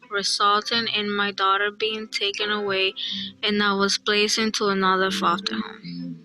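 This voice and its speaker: A young woman from El Salvador telling her own story as a young mother in a quiet, earnest narrated digital story. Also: mid-range voice, poor audio. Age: young adult. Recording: played-back video with guitar music.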